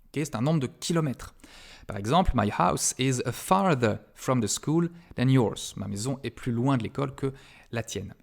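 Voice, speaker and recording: A man's voice: medium pitch, lively intonation, moderate pace, vocal fry. Man explaining a grammar lesson. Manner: patient, explanatory, with frequent fillers. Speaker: university English grammar lecturer. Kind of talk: recorded grammar lesson for students.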